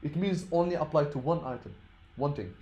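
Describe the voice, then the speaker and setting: The audio is dull, and the man's voice is dark in tone, a little high, and a little fast. He's a programming instructor teaching informally in English, his third language rather than his first, explaining step by step with repeated words and checks that people follow.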